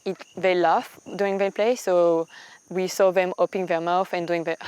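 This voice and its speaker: A woman's voice: fairly low pitch, flat delivery, moderate pace, darkish tone, clean tone. A woman who works in conservation, explaining things in an unscripted documentary interview. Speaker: gorilla conservation worker.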